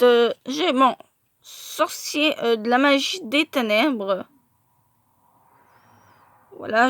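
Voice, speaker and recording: A woman's voice: on the high side, fairly bright tone, no room sound. A woman showing her card collection in a casual vlog, hesitant and full of filler sounds as she stumbles over English names.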